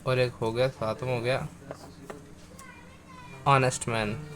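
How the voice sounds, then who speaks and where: A man teaching a grammar lesson, going over words slowly and again and again, spelling them out letter by letter and speaking to viewers as friends. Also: medium pitch, flat delivery, a bit bright.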